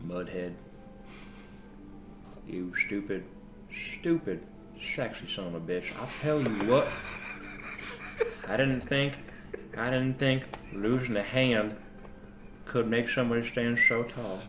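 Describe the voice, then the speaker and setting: A boastful female rogue, voiced by a man who drops his voice far down, drawls her tall tales slowly in rough, crude grammar. The tabletop game is recorded in an echoey room with faint background noise. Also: medium pitch, pitched below the performer's own voice, lightly acted. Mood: drawling. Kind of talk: in-character storytelling at a tabletop game.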